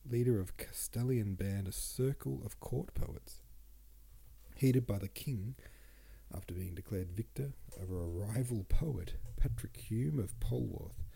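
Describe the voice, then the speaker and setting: A man with a lowish, gravelly voice and a breathy edge hosts a podcast. He reads old poems aloud and casually discusses them with relaxed asides, sounding sniffly and congested.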